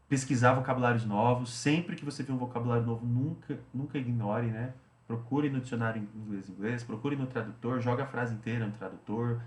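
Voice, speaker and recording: A man's voice: mid-range voice, reverberant. A man teaching English, explaining a study routine in a chatty way, often repeating himself and tagging phrases.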